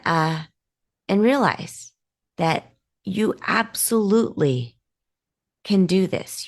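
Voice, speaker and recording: A woman hosting a podcast, giving casual, encouraging advice to listeners, chatty and full of ums and restarts. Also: low-pitched. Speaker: podcast host and life coach. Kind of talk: casual motivational talk to listeners.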